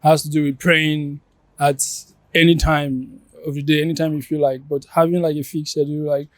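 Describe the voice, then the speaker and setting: Male street interviewee, casual and hesitant, slightly high voice, dry sound. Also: little pitch movement, normal speed, dry recording. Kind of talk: casual chat.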